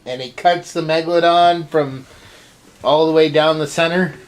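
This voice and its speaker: A woman with a strikingly low voice recaps a film plot in easy, casual chat. She keeps asking her co-host what happens next. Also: fairly even intonation, moderate pace. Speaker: co-reviewer. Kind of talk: casual movie review chat.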